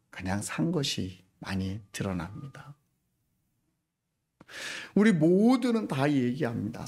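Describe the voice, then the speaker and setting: A middle-aged man pastor preaching a sermon, moving from hushed, almost whispered lines to loud, pleading rhetorical questions. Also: mid-range voice.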